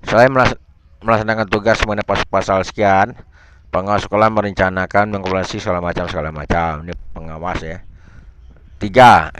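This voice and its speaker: A man's voice: on the low side, fairly bright tone, slight background noise. A man, a teacher, reads a regulation clause by clause aloud and adds casual spoken asides to explain it.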